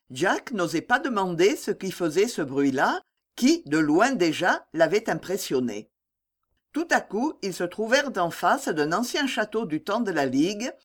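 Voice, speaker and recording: An audiobook narrator reads a classic novel in a measured, expressive way. The pitch sits in a middle range but moves about freely, which keeps the descriptive passages lively.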